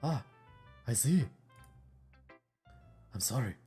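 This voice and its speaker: Woman as a timid literary girl, deep mock-German voice, husky and slow. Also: animated, soft background music, heavily acted. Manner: timid, halting, hushed. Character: shy bookish young woman with a put-on German voice.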